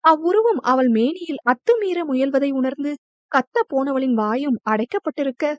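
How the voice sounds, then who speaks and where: A woman narrating an audio novel in a steady, expressive storytelling way. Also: sits high, normal speed, no echo, highs cut off. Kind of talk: scripted narration.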